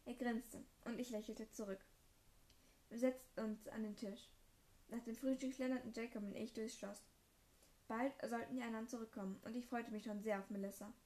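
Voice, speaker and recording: A woman reading her own first-person fan fiction story aloud in a plain, even narrating voice. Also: fairly high pitch.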